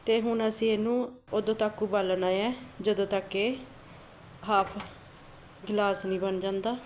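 A woman's voice: medium pitch, fairly even intonation, unhurried, darkish tone. Woman, cooking channel host with a sore throat, homely step-by-step kitchen narration, faint background noise. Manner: homely, repetitive step-by-step instructions. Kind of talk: home cooking vlog narration. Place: home kitchen.

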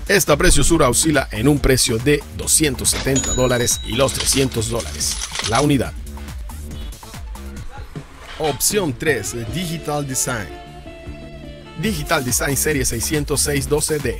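With music playing underneath, a man narrates scripted subwoofer specifications and prices for a car audio channel. He speaks in an unhurried, medium-pitched voice, reading the spec lists and prices in an even, explaining tone.

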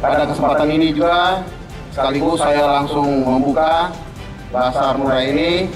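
A man giving a formal opening speech at a podium at an outdoor event, amplified through loudspeakers. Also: fairly high pitch, steady tone, moderate pace, soft background music. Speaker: military commander giving a speech. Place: outdoor field event under a tent. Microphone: podium microphone over PA. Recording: echoey PA from a distance.

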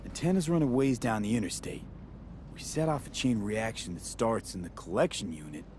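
A man's voice: fairly low pitch, very animated, fairly quick, a little mellow. A man playing a tough, tech-savvy streetwise mercenary in a video game, terse, dry and casual. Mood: dry, confident. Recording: faint vehicle noise behind voice.

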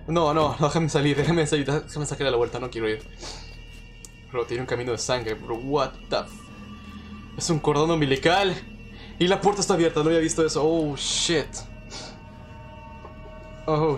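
A man's voice: a little high, fairly even intonation, normal speed, long pauses, faint music behind. A man with a Mexican Spanish accent commentating a live horror game stream, jumpy, swearing and nervously repeating himself. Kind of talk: live let's-play commentary.

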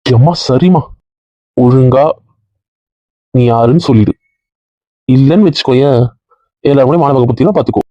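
A man's voice: mid-range voice, moderate pace, long pauses, warm tone, no room sound, muffled recording. A man in a casual comedy skit, teasing and mock-threatening the others in a bossy way.

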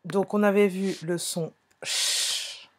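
A woman's voice: fairly low pitch, lively intonation, slow pace, darkish tone, breathy edge. A woman teaching a phonics lesson to young children, speaking patiently, repeating herself and correcting small slips.

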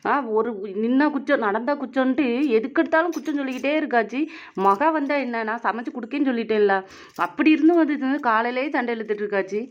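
A woman's voice: a little high, dull audio, close to an everyday voice. A woman voicing a defiant young daughter-in-law who retorts and mocks. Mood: complaining. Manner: retorting, mocking, fast talking. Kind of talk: cartoon voice acting.

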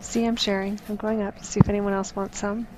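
Woman vlogger, casual voice-over, wry and self-deprecating, flat even delivery over a steady hiss of noise. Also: mid-range voice, fairly quick. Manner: chatty, self-mocking.

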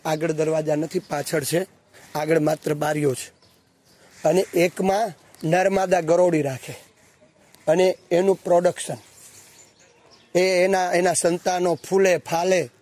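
A man delivers a motivational talk to students, weaving a story with rousing, preachy asides. His voice sits a bit high with a husky edge. He keeps asking his listeners questions to draw them in. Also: unhurried, pauses often. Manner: animated, acts out dialogue and asks the audience questions. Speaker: speaker at a student values camp.

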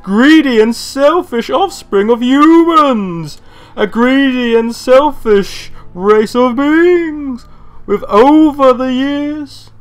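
A man putting on a slow, sinister Santa Claus. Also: extremely high pitch. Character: sinister, smug, condescending old Santa Claus.

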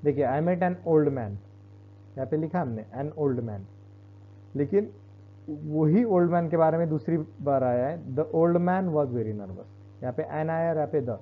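A man teaching English grammar in a classroom-style lesson, explaining slowly and repeating each point. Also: fairly high pitch. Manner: explains slowly, repeats points, switches between Hindi and Marathi. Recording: dull lo-fi recording.

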